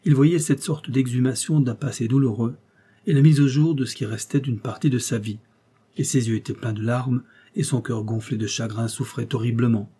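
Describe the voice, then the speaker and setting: A man reads a classic novel aloud at an even, measured pace. His voice is husky and dark in tone, and he keeps the telling calm and steady. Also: medium pitch. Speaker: audiobook reader. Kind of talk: scripted narration.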